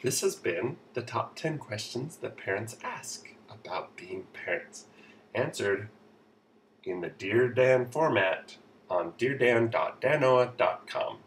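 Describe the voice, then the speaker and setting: A man's voice: medium pitch, animated, takes it slowly, far from the mic. A man giving sarcastic, mock-authoritative parenting advice in a comedy vlog. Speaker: comedy vlogger. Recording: roomy echo, off-mic, faint noise.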